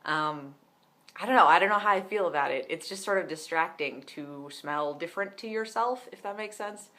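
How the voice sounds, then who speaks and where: A young male vlogger with a slightly high, pushed and bright voice rambles through a casual video diary update at home, talking at normal speed. His voice cracks now and then, and he fills his talk with lots of "um" and "like."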